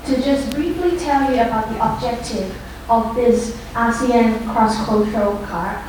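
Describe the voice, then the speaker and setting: A woman's voice: fairly high pitch, a little mellow. A young woman from Thailand hosting a cultural class, friendly and hesitant with many fillers. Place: large lecture room. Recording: very echoey room, distant mic, faint hiss.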